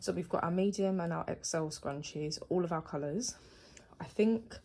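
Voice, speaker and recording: A low-pitched woman chats through her stall stock in a relaxed, filler-heavy way, thinking out loud as she goes. She sounds slightly out of breath. Rustling and crinkling noise sits clearly under her voice in a home recording. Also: moderate pace. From United Kingdom. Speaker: small business owner. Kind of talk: casual vlog walkthrough.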